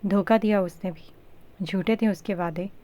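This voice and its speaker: A woman's voice: medium pitch, fairly even intonation, normal speed, warm tone, lightly acted. Woman voicing a heartbroken, furious young wife. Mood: shouting.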